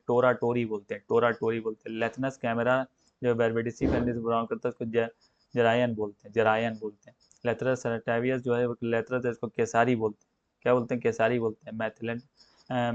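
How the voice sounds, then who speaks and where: Halting tutor drilling plant names. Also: male voice, medium pitch, a little mellow, dry recording. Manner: halting, restarts on long Latin plant names, repeats key terms; checks in with "theek hai na" after each point. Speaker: agriculture exam tutor. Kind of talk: exam coaching lecture. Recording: dull, muffled lo-fi sound.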